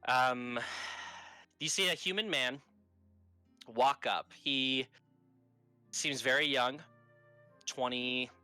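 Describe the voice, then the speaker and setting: A man running a tabletop game in loose, rambling narration full of fillers and the odd curse. His voice is bright and crisp. Faint music plays behind him. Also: medium pitch, slow pace, pauses often, no room sound. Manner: casual, rambling, swears freely. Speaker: game master.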